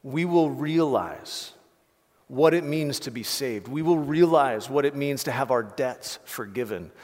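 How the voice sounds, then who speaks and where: A man preaching a sermon as pastor, passionate and conversational, with quick restarts and casual asides. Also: mid-range voice, lively intonation, a little mellow. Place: church hall. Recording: reverberant hall.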